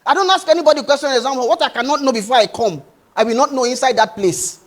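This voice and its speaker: A middle-aged man giving a passionate motivational speech to young people, swinging between loud urging and quiet pleading. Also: very high-pitched, quick pace. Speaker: motivational speaker.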